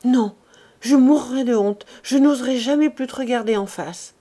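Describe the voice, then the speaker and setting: A woman reading aloud, voicing a young pregnant wife in labor who is ashamed and pleading, her voice pitched higher and louder. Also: normal speed, lightly acted.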